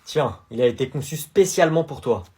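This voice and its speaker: A man acting in a comedy sketch, calm and measured, in a fatherly way. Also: medium pitch, slightly rough.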